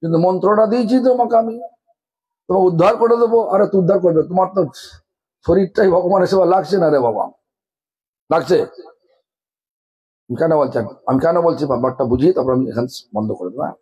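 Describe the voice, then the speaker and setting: A man's voice: high-pitched, fast talker, pauses often, mellow, breathy edge, dull audio. A man with a Bengali accent giving a scolding sermon, asking the audience one rhetorical question after another. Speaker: guru giving a religious discourse.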